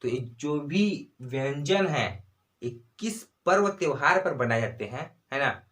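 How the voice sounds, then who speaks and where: A man's voice: a little high, lively intonation, slow, a bit bright. Man tutoring with rising "ठीक है" tags. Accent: Chhattisgarhi Hindi. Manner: repeats "ठीक है" and "है ना", asks and answers own questions. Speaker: exam tutor. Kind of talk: exam-prep lesson.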